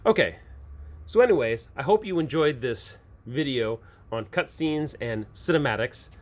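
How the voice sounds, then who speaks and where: This game-master advice video features a man at medium pitch who talks a little slowly but with lively intonation. His informal, emphatic chat to viewers about running tabletop games circles back to the same points again and again.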